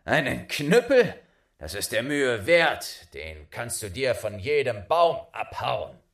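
A man voicing a skeptical old father, a tailor, in a fairy tale reading, gruff and doubting. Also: low voice, sing-song, drawn-out words, sharp tone, exaggerated voice.

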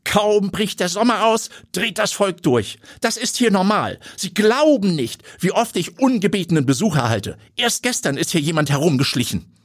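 A man's voice: high-pitched, animated, moderate pace, few pauses, breathy edge, voice pushed up. A man voicing a haughty woman in her early fifties who talks down to people in clipped sentences. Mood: condescending. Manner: clipped, condescending, then flustered.

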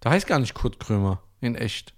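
Relaxed, teasing podcast co-host, a man. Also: mid-range voice, normal speed. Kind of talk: casual banter.

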